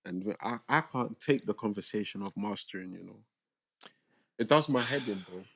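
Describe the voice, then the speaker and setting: A man with a London roadman accent in casual podcast chat, telling stories in an animated, slangy way and acting out quotes. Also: fairly low pitch, normal speed, gravelly. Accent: London roadman, multicultural London English.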